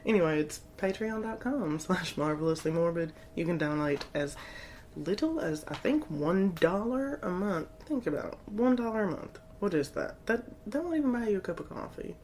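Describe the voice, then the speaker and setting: A low-pitched woman co-hosts a casual podcast. She jokes crudely and laughs often. A faint rumble sits under her voice. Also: lively intonation, moderate pace, a little mellow. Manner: giggly, joking, crude banter. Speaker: podcast co-host. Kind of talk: casual chat.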